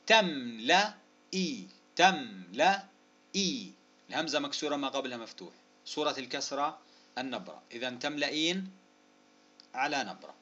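A man teaching a spelling lesson in a bright, forceful voice. He stretches each example word out slowly and explains the rules quickly, speaking warmly to his students. The recording sounds dull and lo-fi. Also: mid-range voice, animated, faint music behind. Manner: slow, drawn-out dictation of example words, then brisk rule explanations; addresses listeners as dear loved ones, asks and answers his own questions.

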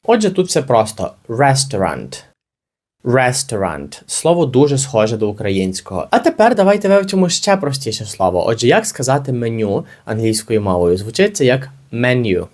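A man teaching an English lesson, explaining with energy and saying the model phrases slowly and carefully. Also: medium pitch, darkish tone.

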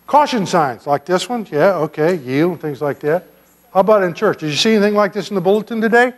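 An older pastor gives a children's sermon in a church sanctuary, gently and playfully asking the kids questions. His voice sits high and he speaks briskly and animatedly. The recording carries long church reverb.

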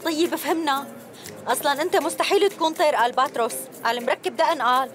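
Very fast, high-voiced Syrian Levantine Arabic woman. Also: a bit bright. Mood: apologetic, miffed. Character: earnest, nosy, headstrong young woman. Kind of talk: dubbed television drama dialogue. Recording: music behind the voice.

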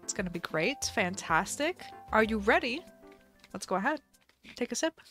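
Live streaming a game, a woman chats casually, chatty and giggly, her voice slightly stuffy from a cold. It's fairly high, expressive, a bit bright and moderately paced. Faint music plays in the background.

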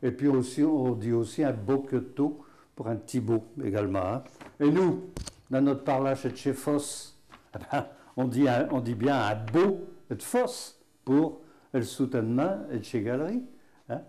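A man's voice: mid-range voice, lively intonation, measured pace, dark tone. A man with a Picard accent teaching patois words in a folksy, chatty way, full of fillers and chuckles. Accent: Picard (Hainaut). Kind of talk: casual spoken lesson.

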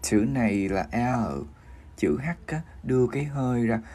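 A man with a Vietnamese accent giving a pronunciation lesson, slowly spelling out and modeling English words syllable by syllable. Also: medium pitch, mellow.

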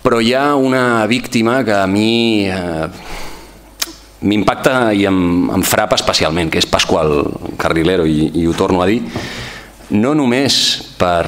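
Very deep-voiced, hesitant man. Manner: hesitant, many fillers and restarts, measured. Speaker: author presenting his book. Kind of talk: unscripted remarks at a book presentation.

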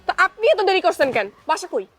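A sharp-tongued young woman in a TV comedy, demanding and quick to lose patience, with a very high voice. Faint music sits under her. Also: very animated, exaggerated voice. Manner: snappish, demanding. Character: impatient young woman scolding the man over a promised flat. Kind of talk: TV comedy drama acting.

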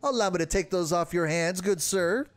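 A man lightly acts out game lines as a nervous, infatuated young village guard who blurts things and hastily covers them. He pitches his voice high, above his natural range, at a moderate pace, with soft music behind him.

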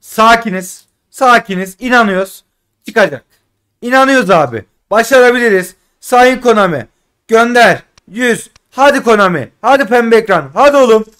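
A man doing casual live commentary while opening game packs, frustrated and pleading, swinging between loud outbursts and muttering. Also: extremely high pitch, lively intonation, normal speed, clear, resonant tone. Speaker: gaming streamer.

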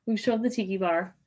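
A woman in her thirties with a fairly high voice co-hosts a casual online auction via webcam, with a noisy background. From a small indoor room with tiki decor, she chats and giggles while checking messages during the livestream.

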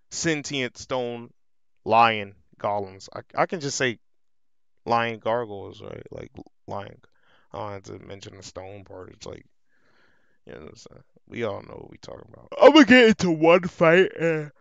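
A man's voice: medium pitch, fairly bright tone, dry recording. A man doing casual, slangy game commentary, joking, swearing and repeating his phrases. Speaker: gaming streamer narrating playthrough. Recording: game music behind voice.

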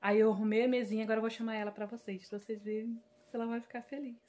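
A woman's voice: a little high, little pitch movement, rapid-fire, warm tone. A Brazilian woman chatting to viewers as she cooks in her home kitchen, filmed on a phone. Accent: Brazilian Portuguese. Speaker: home vlogger. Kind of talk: casual home vlog.

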